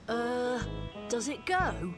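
A woman voicing an earnest young cat police sergeant in a children's cartoon, commanding but excitable and easily flustered. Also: fairly high pitch, drawn-out words, full character voice. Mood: hesitant. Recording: music bed under the dialogue.

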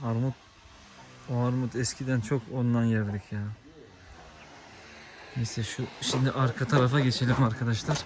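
A man vlogging outdoors on a farm. He chats casually to viewers and shouts sharp calls and scoldings to his dogs. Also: mid-range voice, fairly even intonation, moderate pace, long pauses, slight background noise. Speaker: vlogger and dog owner.

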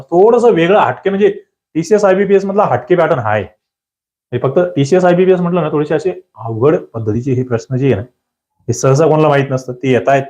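A man giving an online exam-prep lecture, drilling grammar questions with lively, rising emphasis and questions to his students. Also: medium pitch, lo-fi sound.

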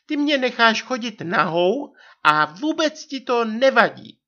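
Guy doing a shrill high young wife, scolding and dramatic, loud, kinda lo-fi audiobook sound. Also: sing-song, exaggerated voice. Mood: indignant scolding. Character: indignant young wife, theatrical and reproachful.

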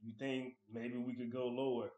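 A man's voice: medium pitch, level tone, moderate pace, mellow. A man in his thirties, host of a finance channel, talking casually to camera at his desk at home, reading article excerpts aloud and commenting on them. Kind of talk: casual stock analysis talk to camera. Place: small room at home. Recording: echoey room.

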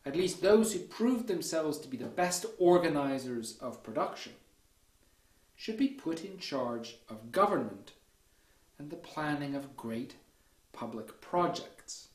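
A man delivering a university history lecture in a measured, deliberate way, often checking in with "okay" and starting points with "so". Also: fairly high pitch, expressive. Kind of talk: academic lecture. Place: lecture room. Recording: echoey lecture room.

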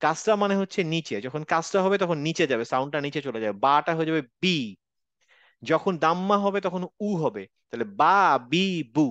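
A man's voice: on the high side, lively intonation, brisk, fairly bright tone, clean tone, no room sound. Patient male teacher on a dull call. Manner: patient, explains step by step, mixes English phrases. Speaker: Quran reading teacher. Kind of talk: online class lesson. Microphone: video call. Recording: dull lo-fi online class audio.

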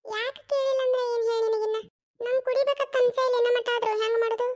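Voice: extremely high pitch, flat delivery, a little hiss or hum. A performer voicing a grumpy, stubborn older mother-in-law in a cartoon comedy skit, scolding in a North Karnataka Kannada accent. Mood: irritated. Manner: scolding, refuses stubbornly, drawn-out retorts.

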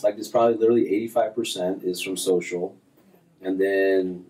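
Sitting as a guest in a small office with framed diplomas, a golf instructor in his thirties speaks in a low-pitched voice, a little fast. The interview chat is casual, and he rambles in a relaxed way with many fillers and restarts. Audio is poor from a distant mic.

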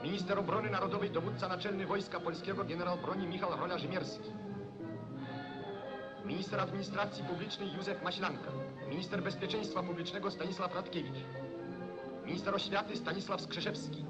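A man's voice: high-pitched, fairly quick. A man reading a scripted narration in a formal, declamatory manner, as heard in an old 1940s newsreel. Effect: old 1940s newsreel recording. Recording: dull lo-fi 1940s film sound with loud music.

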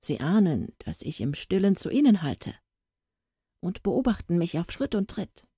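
Woman doing a hurried old boatswain. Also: on the low side, sing-song, mellow, slightly rough, no room sound, clean studio sound, heavily acted. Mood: urgent. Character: old male boatswain, loyal and secretive.

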